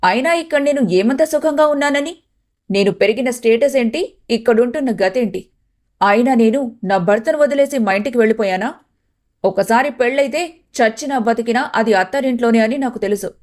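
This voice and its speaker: Storybook figure: scornful young wife, irritated and sharp, read by a woman. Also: on the high side, brisk, natural voice. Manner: sneering, irritated.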